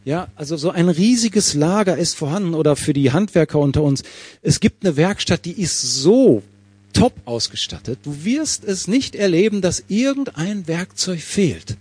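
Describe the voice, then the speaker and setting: A preacher with a mellow, slightly husky voice, recorded close and dry. He works through a scripture passage verse by verse and keeps turning to the congregation with questions. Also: a little high, lively intonation, moderate pace, no room sound. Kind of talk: sermon.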